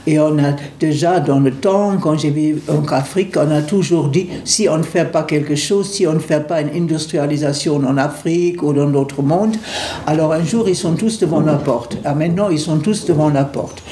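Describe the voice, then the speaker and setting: A man answers interview questions in a halting way, often stopping to search for the next word. His voice is mellow and warm. The recording has a roomy echo and faint background noise. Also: fairly high pitch. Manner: hesitant, searching for words with many fillers. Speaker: interview guest.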